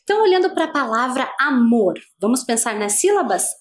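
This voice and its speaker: A woman's voice: sits high, sing-song, fairly quick. A female teacher with a Brazilian Portuguese accent, giving an adult-education video lesson, patient and asking many guiding questions.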